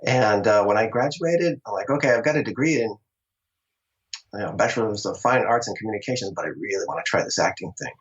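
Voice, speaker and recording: In a dull, lo-fi recording, a middle-aged male actor from Long Island, New York, speaks as an interview guest about how his acting career began. He talks fast with a fairly low pitch, keeping things casual, chatty, and full of laughter.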